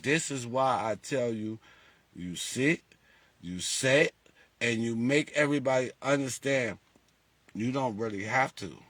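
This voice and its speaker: Talking unhurriedly with a medium pitch, a lottery group leader speaks casually to his followers, with no room sound on the recording. He's animated, leaning on rhetorical questions and acting out callers.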